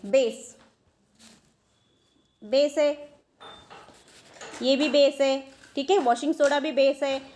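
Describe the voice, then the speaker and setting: A woman's voice: sits high, steady tone, slow, pauses often, a little mellow, a little hiss or hum. A woman teacher giving a science lesson, explaining step by step, asking questions and answering them herself. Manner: explains step by step, asks and answers her own questions, mixes English terms. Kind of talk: classroom science lecture.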